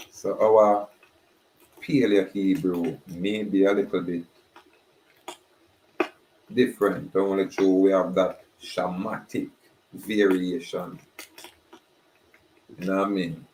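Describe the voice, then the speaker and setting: A man giving a slow, emphatic preaching monologue. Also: low voice, steady tone, a little mellow, a little hiss or hum. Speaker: spiritual speaker. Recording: roomy echoey recording.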